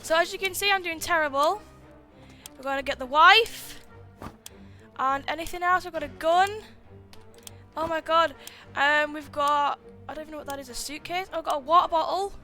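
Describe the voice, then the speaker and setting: Bright, flustered woman gaming YouTuber. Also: sits high, normal speed, pauses often, faint music behind. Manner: excitable, flustered, panicky exclamations. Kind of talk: let's play commentary.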